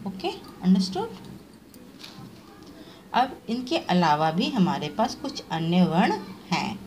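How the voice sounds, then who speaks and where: A woman teacher giving an online class lesson, explaining step by step, spelling out sounds slowly and often checking in with a rising "okay". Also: fairly low pitch, big pitch swings, darkish tone, slight background noise.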